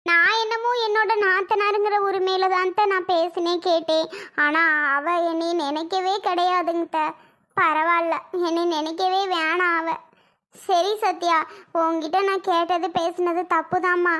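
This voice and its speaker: A meek young cartoon wife who answers softly and apologizes, voiced by a woman. Her voice is high and bright but quieter and lower than the shrill ones around her. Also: level tone, unhurried. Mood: hurt apologetic. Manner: soft, apologetic. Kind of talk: cartoon voice acting.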